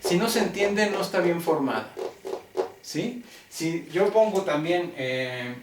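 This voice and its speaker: A man with a Mexican accent teaching a logic class, talking deliberately and constantly checking that students follow. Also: high-pitched, expressive, slight background noise. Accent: Mexican Spanish. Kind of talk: classroom lecture. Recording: roomy classroom, mic far off.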